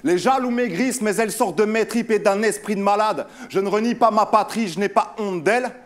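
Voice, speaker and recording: A man's voice: high-pitched, brisk. A young man rapping mocking battle verses a cappella at an opponent. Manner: mocking, sneering delivery. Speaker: battle rapper.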